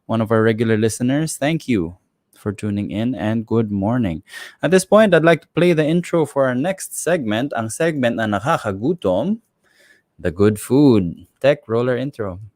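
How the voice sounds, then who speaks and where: A man's voice: lowish voice, darkish tone, dry recording, clean studio sound. A man hosting a radio show, chatting and greeting listeners by name.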